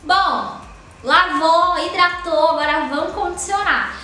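A woman's voice: very high-pitched, unhurried, sharp tone, soft background music. A young Brazilian woman in her twenties reviewing beauty products in a chatty, gushing way, filling her talk with little tag questions. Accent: Brazilian Portuguese. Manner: chatty, gushing, lots of fillers like "tá?" and "ó". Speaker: beauty vlogger. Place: small indoor room with a sofa. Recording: very echoey room with faint noise.

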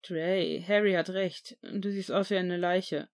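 A woman's voice: on the low side, fairly even intonation, slow pace. A woman voicing a teasing teenage boy wizard in an audiobook.

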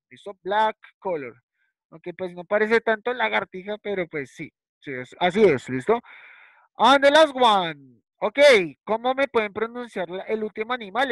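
A man with a high, slightly bright voice teaches a first-grade English class over a video call, moving between Spanish and English. This primary school teacher patiently repeats words and checks in with tag questions like ¿cierto? and ¿listo?. The recording is rough and has no room sound.

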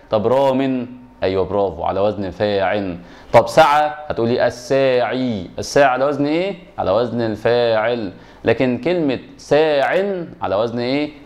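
A man's voice: mid-range voice, darkish tone. A man with an Egyptian accent teaching an exam review lesson, asking and answering his own questions and repeating the key rules. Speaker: Arabic grammar teacher.

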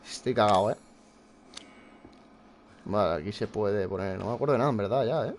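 Young man from Spain, casual gameplay streamer, gravelly voice, jumpy and cursing, a faint hiss behind him. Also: on the low side, a little fast. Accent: Spain Spanish. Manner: jumpy, swears often, talks to viewers. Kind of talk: casual live gameplay commentary.

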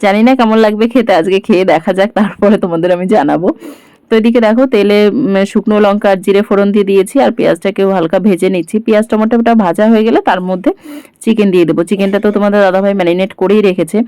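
A woman's voice: medium pitch, steady tone, fast talker, dark tone, dry recording. A woman, chatting casually to viewers in her home kitchen. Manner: chatty, homely, talks to viewers as friends. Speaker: vlogger.

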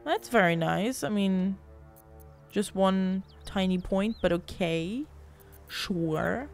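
A woman hosting a gameplay video speaks slowly at a medium pitch. She teases, grumbles and curses at her party in a role-playing game, keeping the let's-play commentary casual while game music plays.

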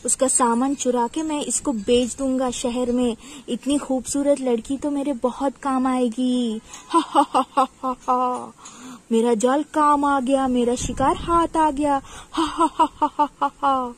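A woman voicing a greedy male bandit in a doll cartoon, loud and gloating, with a cackling laugh. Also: high-pitched, steady tone, a little slow, slight background noise.

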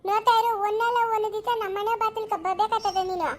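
A woman playing a defiant young village mother who scolds her rival in sharp retorts, in a homemade family drama. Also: extremely high pitch, fairly even intonation, fast.

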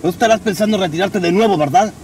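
An actor playing a smooth-talking rebel cop in a buddy-cop parody, flirty and dramatic. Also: male voice, high-pitched, fast, darkish tone, a little hiss or hum. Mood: suspicious. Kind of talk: parody of dubbed American buddy-cop show. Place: inside a car.

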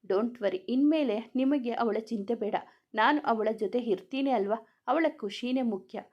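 A woman voicing an affectionate young husband who talks in a warm, teasing way. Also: on the high side, measured pace, muffled recording.

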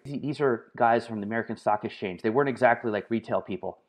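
A man being interviewed on a podcast, answering in long, lively stories with frequent fillers. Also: mid-range voice, fast. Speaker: guest, market analyst and author.

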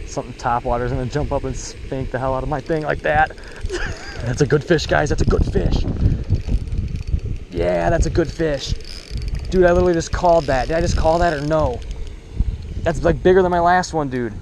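A young man filming himself bass fishing at a pond, chatting to viewers in slangy, excited bursts. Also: moderate pace, gravelly, pauses often, noisy background. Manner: excited, slangy, talks to viewers as bro and dude. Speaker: fishing vlogger. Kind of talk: casual commentary while fishing. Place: outdoors by a suburban pond. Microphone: head-mounted action camera.

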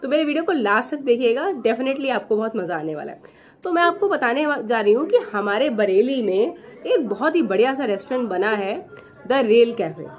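Chatty high-voiced woman vlogger. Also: animated, moderate pace, soft background music. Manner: chatty and sarcastic, mixes English phrases; gestures with her hands as she talks. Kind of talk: casual review vlog. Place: small room indoors.

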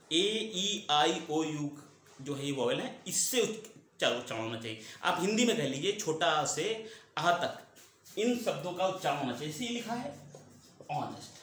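A man's voice: a little high, fairly bright tone. A man teaching a class, repeating each point and asking and answering his own questions. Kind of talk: classroom lesson. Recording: very echoey room, faint noise.

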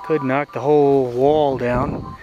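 A middle-aged man casually narrating his backcountry trip outdoors, talking to a handheld camera in an easy, unhurried way with fillers. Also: mid-range voice, muffled recording. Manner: relaxed, unhurried running commentary with fillers. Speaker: hiker filming his own trip. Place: outdoors on a snowy mountain ridge. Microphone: handheld camera at arm's length. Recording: background music over the voice.

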